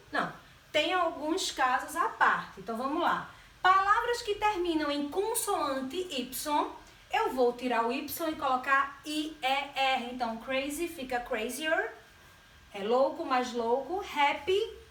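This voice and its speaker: A woman's voice: sits high, bright, forceful tone. A woman with a Brazilian Portuguese accent teaching an English grammar lesson, patiently stretching key words and checking that the learners follow. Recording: roomy sound from a distance.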